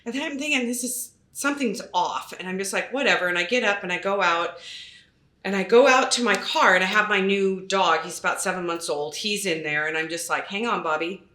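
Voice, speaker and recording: A woman real estate agent telling a story in a panel chat, animated and acting out her own quotes. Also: medium pitch, a little fast. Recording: roomy echo.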